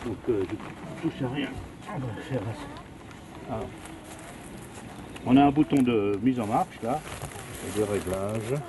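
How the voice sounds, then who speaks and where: A man's voice: medium pitch, a little slow, pauses often, noisy background. An older man, a retired music teacher, patiently explaining a plant music demonstration outdoors in a garden.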